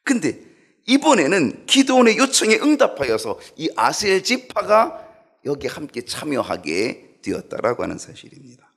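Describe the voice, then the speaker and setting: A middle-aged male pastor preaching a sermon in an animated way, asking the congregation questions. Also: fairly high pitch, slightly rough.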